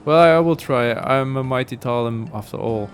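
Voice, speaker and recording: A man's voice: medium pitch, moderate pace, slight background noise, lightly acted. A man reading a naive game adventurer. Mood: earnest.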